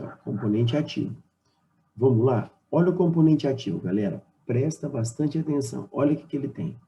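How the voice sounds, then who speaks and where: Dark-voiced man explaining chemistry. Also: medium pitch, muffled recording. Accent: Brazilian Portuguese. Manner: explanatory, addresses students directly, repeats formulas slowly. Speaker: chemistry teacher. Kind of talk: exam solution lesson.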